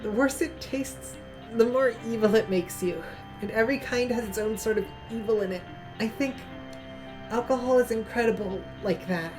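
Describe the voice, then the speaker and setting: A woman's voice: on the high side, normal speed, over music, lightly acted. A woman voicing a tipsy teenage girl at camp, reading her lines in a drawling, slurred voice.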